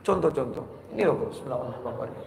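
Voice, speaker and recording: A man's voice: mid-range voice, lively intonation, fast, vocal fry, darkish tone. A man preaching a sermon in a mosque, telling stories with humor and teasing his audience. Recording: echoey hall reverb.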